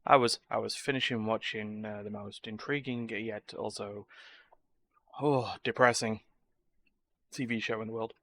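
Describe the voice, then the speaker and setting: Streaming a game live from indoors at home, this host talks in a fairly low, steady voice that's a bit bright. He's unhurried and pauses often, staying chatty, wry and self-deprecating, while game audio plays in the background.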